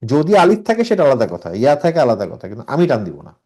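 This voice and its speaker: A man with a mellow, warm voice leads an online Quran reading lesson. He stays patient and methodical as he explains each rule, then recites the words slowly to show how they should sound. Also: mid-range voice, huge pitch swings, breathy edge. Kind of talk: online tajweed class, correcting students.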